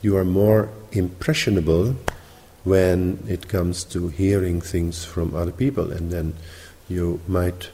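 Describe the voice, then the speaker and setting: Low mellow guy, mixed sinhalese dutch british accent, giving meditation instructions in a reverby hall. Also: level tone, slight background noise. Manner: measured, explanatory, pausing between short phrases. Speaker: meditation teacher. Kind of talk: spoken retreat instruction.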